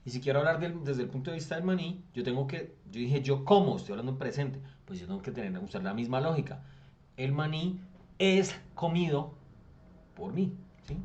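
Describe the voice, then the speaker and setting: Colombian teacher checking in with students. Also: male voice, medium pitch, expressive, a little mellow, muffled recording. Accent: Colombian Spanish. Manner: patient, keeps checking in with students; reads English text aloud slowly. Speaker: English teacher. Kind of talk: virtual class explanation. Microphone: computer mic on a video call.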